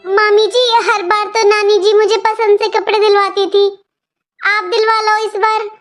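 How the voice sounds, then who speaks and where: A woman's voice: very high voice, flat delivery, measured pace, a bit bright, soft background music. A woman voicing a young, outspoken girl in a cartoon, talking in an earnest, pleading way. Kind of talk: cartoon voice acting.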